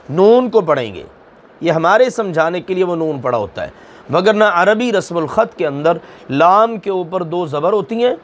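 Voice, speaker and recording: A man teaching a Quran recitation class, explaining slowly and deliberately, asking and then answering his own questions, and drawing out recited examples syllable by syllable. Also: high-pitched. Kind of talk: recorded tajweed lesson.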